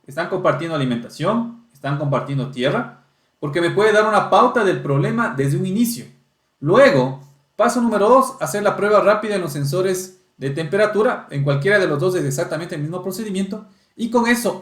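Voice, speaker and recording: A man's voice: fairly high pitch, reverberant. A man teaching automotive electronic diagnostics, explaining step by step and checking in with the class. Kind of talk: technical lesson walkthrough.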